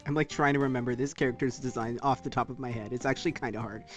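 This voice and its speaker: A man talking casually and with some swearing as a streamer who draws live, rambling in an animated way. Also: mid-range voice. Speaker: streamer drawing art live. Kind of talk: casual livestream chat while drawing.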